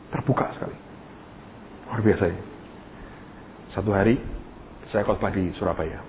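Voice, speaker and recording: Male pastor, lively story-driven sermon, wide pitch swings, tinny lo-fi recording with faint hiss. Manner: lively, animated storytelling, acting out quoted voices. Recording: tinny phone-like sound with faint noise.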